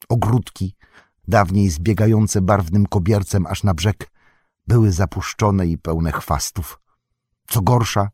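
Guy reading a fantasy audiobook, low and husky, moves his pitch around a lot. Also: no echo, studio quality. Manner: steady, expressive storytelling. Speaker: audiobook narrator. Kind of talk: scripted narration.

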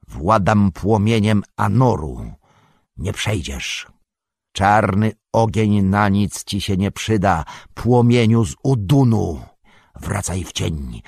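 A man voicing a weary old wizard, speaking slowly, low and solemn. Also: dry recording, clean studio sound, full character voice. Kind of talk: audiobook reading.

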